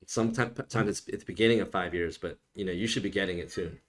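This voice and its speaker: Joking, low-voiced man answering live questions. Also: quick pace. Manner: casual, joking, teasing viewers, frequent "okay?". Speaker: immigration attorney. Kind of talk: live-stream Q&A, reading viewer questions.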